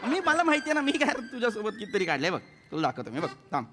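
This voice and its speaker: A man's voice: high voice, huge pitch swings, racing, very noisy. A man playing a sheepish husband in a stage comedy sketch, pleading and stammering as he repeats himself. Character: pleading sheepish husband, fond of his drinking buddy. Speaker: comic actor in a sketch.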